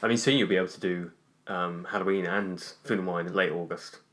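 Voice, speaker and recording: A man's voice: low voice, fairly even intonation, brisk, fairly bright tone. A man co-hosting a podcast, teasing his co-host and laughing a lot. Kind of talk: casual chat.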